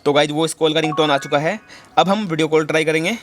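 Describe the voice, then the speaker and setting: A man's voice: a little high, fast, over loud music. A young man hosting a step-by-step phone settings tutorial, speaking instructively, repeating each step and calling his viewers guys. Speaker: tech tutorial host.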